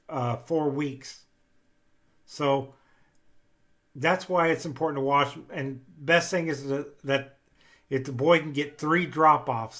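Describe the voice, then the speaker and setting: A man's voice: mid-range voice, fairly bright tone. A man who breeds rabbits, giving a rambling, plainspoken how-to talk with a folksy manner.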